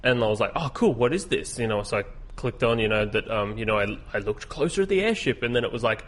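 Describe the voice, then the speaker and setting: A man's voice: fairly low pitch, fast, fairly bright tone. Chatty man telling a long story. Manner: rambling, laughs often, retells a game story. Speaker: podcast co-host. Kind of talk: casual chat.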